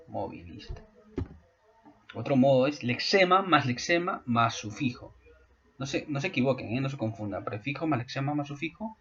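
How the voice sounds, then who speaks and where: A male school teacher explaining a grammar lesson to his class, often pausing to check that students follow. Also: medium pitch, a bit bright, breathy edge, highs cut off. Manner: explanatory, frequent checking questions. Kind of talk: online class lecture.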